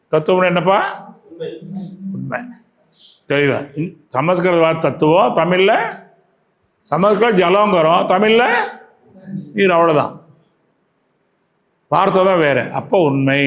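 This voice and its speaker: A yoga teacher with a Tamil Nadu accent and a high-pitched voice gives a spiritual talk to his class. He keeps asking listeners questions, repeats key phrases, and recites verses slowly.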